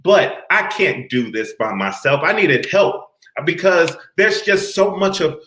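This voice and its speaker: Playful guy hosting a chat show, bright voice, kinda echoey room. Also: on the high side, sing-song, a little slow, slight background noise. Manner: playful, hyped-up introductions. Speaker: show host. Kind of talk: casual chat.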